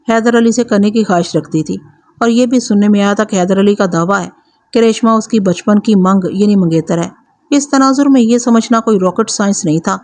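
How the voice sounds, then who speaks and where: A woman storyteller giving a scripted narration of a crime story in a steady, even reading voice. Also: medium pitch.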